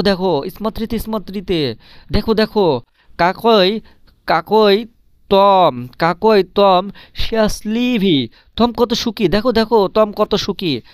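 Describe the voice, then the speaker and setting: A man's voice: fairly high pitch, clean tone, no echo, studio quality. A man giving a casual video lesson, with many filler hesitations and phrases repeated in a sing-song rhythm. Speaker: language teacher.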